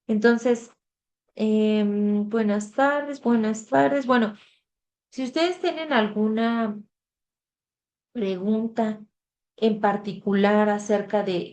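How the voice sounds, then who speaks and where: A woman's voice: medium pitch, dark tone. A woman tutor, talking casually to her class over a video call, with frequent fillers. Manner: conversational, reads the chat aloud, filler "este". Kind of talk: online class session.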